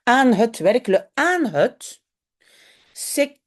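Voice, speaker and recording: A woman's voice: fairly high pitch, very animated, extremely slow. A woman with a Belgian French accent, a language teacher patiently explaining a Dutch reading step by step to French speakers.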